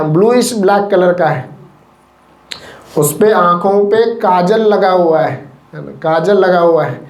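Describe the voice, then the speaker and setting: A man telling a devotional story as a sermon to listeners, lively and animated, acting out quotes along the way. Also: sits high. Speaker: kirtan storyteller.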